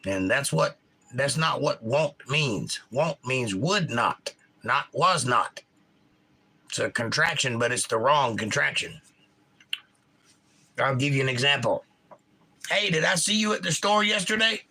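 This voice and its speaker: Unhurried and leaving long pauses, a bright-voiced man with a Georgia drawl reads his stream's viewer comments and weighs in casually. His medium-pitched speech is crisply enunciated, animated and opinionated.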